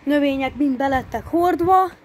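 High-voiced woman coaxing her dog. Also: a little mellow. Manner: coaxing, babying talk to the dog. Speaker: vlogger filming her dog. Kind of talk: casual chat to camera and dog. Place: outdoor yard. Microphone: handheld camera she is filming with.

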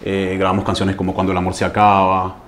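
A man's voice: sits low, monotone, fast, slight background noise. Hesitant Colombian male singer talking. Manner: hesitant, many fillers and restarts. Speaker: singer of a salsa orchestra. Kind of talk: casual interview answers.

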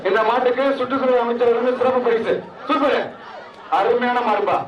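A man with a very high, strained voice calls out over a loudspeaker at an outdoor arena. His words bounce around with heavy echo and come from far away through a dull, muffled sound. Behind him, a large crowd roars without a break. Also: a little fast, noisy background. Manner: excited cheering mixed with formal honorific announcements. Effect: loudspeaker public address. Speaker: event announcer. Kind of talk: live event announcing over a loudspeaker.

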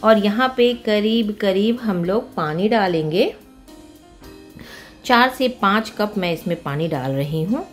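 Speaking slowly and expressively at a medium pitch, this Indian-accented woman guides viewers through a recipe like a relaxed cooking host. English words and phrases are mixed into what she says, and music plays in the background.

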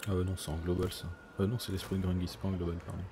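Man, low voice, casual gaming commentary, muttering and thinking aloud, faint background noise. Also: monotone, very fast. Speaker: gaming streamer. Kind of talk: casual co-op strategy game commentary.

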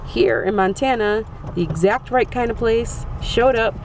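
A woman's voice: on the high side, measured pace. A woman in her thirties hosting a family vlog, cheerfully narrating a road trip from inside a moving car, filmed on a handheld camera. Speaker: vlog host. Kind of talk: casual vlog chat. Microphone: handheld camera at arm's length. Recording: road noise in a car, a bit distant.

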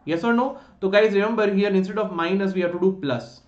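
A man with an Indian accent and a fairly high voice teaches in an instructive, explanatory way. He switches between English and Hindi and keeps checking that his students follow. The recording is clearly echoey and a little dull. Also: fast talker, darkish tone. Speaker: online maths teacher. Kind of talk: live online lesson explanation, mixing English with Hindi. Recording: roomy echo, slightly dull sound.

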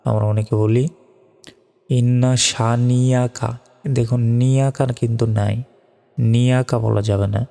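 A man's voice: fairly low pitch, little pitch movement, moderate pace, vocal fry, mellow, big-room sound. A man from Bangladesh giving a recitation lesson, spelling out each letter and vowel, then chanting the words long and drawn out. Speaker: Quran recitation teacher.

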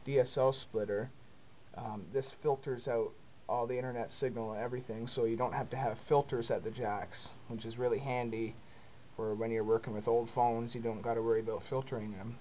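In a casual filmed tour of his indoor basement, a hobbyist shows off the home phone wiring, speaking at medium pitch without hurry and with plenty of ums and uhs. The handheld camera mic records him from behind the lens, yielding dull, lo-fi audio under faint hiss.

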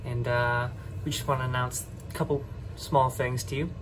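A man chatting casually to the camera about his band's plans, loose and rambling, full of ums and restarts. His voice sits at an ordinary middle pitch. There is clear noise in the background of the recording. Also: little pitch movement, moderate pace. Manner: loose, rambling, many fillers. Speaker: band member, video host. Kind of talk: casual announcement chat.

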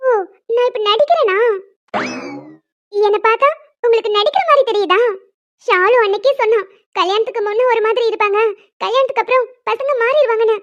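A fretful, sulky young bride-to-be in a cartoon, voiced by a woman. The voice is extremely high and thin, and the recording sounds dull and lo-fi. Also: brisk, long pauses, a bit bright. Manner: fretful, sulky, mock-quarrelsome. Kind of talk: animated cartoon dialogue.

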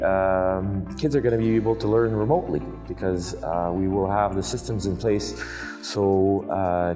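A man in his thirties giving a walking tour of a construction site, halting with many fillers. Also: fairly low pitch, mellow. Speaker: museum facilities director giving a site tour. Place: large indoor construction site.

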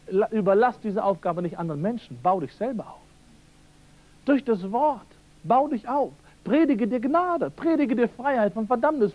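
A man's voice: high-pitched, darkish tone. A man preaching a seminar sermon, emphatic and repeating key phrases while addressing his listeners directly. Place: church seminar hall. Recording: old radio-quality seminar tape.

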